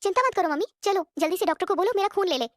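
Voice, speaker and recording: A woman's voice: very high-pitched, rapid-fire, no echo. A woman voicing a humble, kind-hearted young woman who serves her family without complaint. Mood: urgent. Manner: pleading, hurt.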